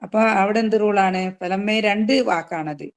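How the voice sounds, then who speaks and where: In her tajweed class, a woman with a medium-pitched voice patiently walks through the rules. She quizzes the students and stretches her recited examples out slowly.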